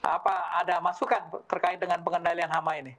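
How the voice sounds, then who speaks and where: A man's voice: sits high, flat delivery, quick pace, fairly bright tone. A man hosting an interview, asking polite questions with many fillers. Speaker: host.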